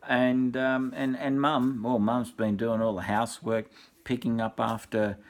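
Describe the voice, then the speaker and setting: Reading a bedtime storybook in an unhurried, medium-pitched voice, an older Australian grandfather keeps veering off into jokes. He repeats himself, delivers deadpan asides, and rambles along. He sounds sixty or older.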